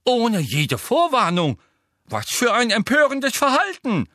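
A man voicing a fussy elderly male examiner who is easily outraged, fretting in slow, indignant tones. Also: extremely high pitch, huge pitch swings, bright, forceful tone, no echo, studio quality, voice pushed up, heavily acted.

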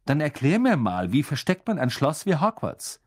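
A man's voice: on the high side, huge pitch swings, moderate pace, voice pushed up. A man voicing a skeptical, grumbling teenage boy. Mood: mocking.

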